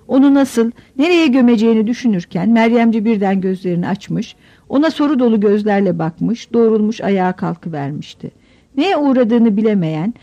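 A woman narrating a novel in measured storytelling, giving the characters voices. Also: mid-range voice, warm tone. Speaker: audiobook narrator. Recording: dull lo-fi audiobook recording.

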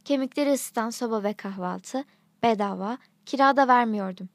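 A woman reading a literary short story aloud in calm, measured narration. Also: a little high, dry recording.

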